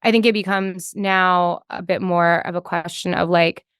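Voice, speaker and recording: This podcast guest, a developer relations engineer, talks conversationally and thinks aloud, hedging again and again with "like." Her lowish voice is a bit bright and clean, with fairly even intonation at normal speed. The recording is dry and studio quality.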